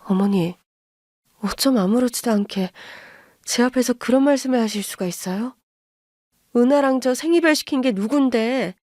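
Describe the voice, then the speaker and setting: A woman's voice: on the high side, moderate pace, pauses often, darkish tone, no room sound, studio quality, voice pushed up, close to an everyday voice. A woman voicing a middle-aged mother who speaks coldly and bursts into anger. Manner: cold, then furious outbursts.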